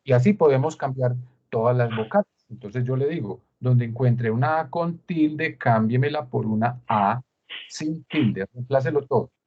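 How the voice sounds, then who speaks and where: Colombian guy teaching a spreadsheet class on a video call, middle pitch, kinda dull muffled audio. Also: normal speed. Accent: Colombian Spanish. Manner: explains step by step with rhetorical questions. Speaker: instructor. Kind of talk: screen-share tutorial.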